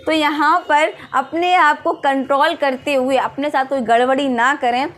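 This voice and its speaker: A woman's voice: high voice, fairly even intonation, measured pace, a bit bright. A young woman vlogger giving earnest, coaching advice on interview preparation in a casual way. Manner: earnest, coaching, often asks "है ना?".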